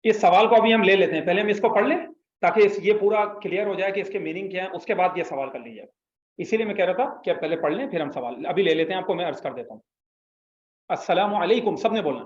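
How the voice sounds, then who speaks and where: In an echoey room with slightly dull sound, a man with a high voice teaches an Arabic class at a fast clip. He explains things patiently and prompts his students to repeat after him.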